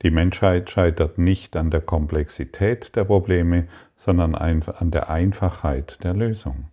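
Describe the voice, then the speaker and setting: A man giving a spoken spiritual lesson, calm and repetitive, addressing the listener directly. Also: low voice, a little slow. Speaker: spiritual teacher.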